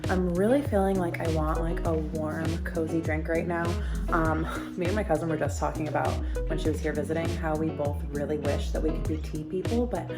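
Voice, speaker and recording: A woman's voice: low voice, steady tone, fairly quick, echoey room, over loud music. Bubbly young woman vlogging in her kitchen. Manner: bubbly, chatty, says "you guys" and "like" often. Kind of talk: casual vlog chat. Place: home kitchen. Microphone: camera mic, then phone.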